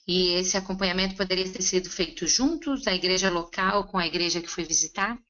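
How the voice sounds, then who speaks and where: A woman interpreting a seminar consecutively, relaying each line in a steady, conversational way. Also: fairly low pitch, a little fast, highs cut off.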